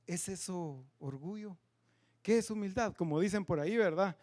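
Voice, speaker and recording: A man preaching a sermon in a church, asking the congregation many questions and swinging between loud emphatic lines and quiet asides. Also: high-pitched, moderate pace. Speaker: pastor. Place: church sanctuary.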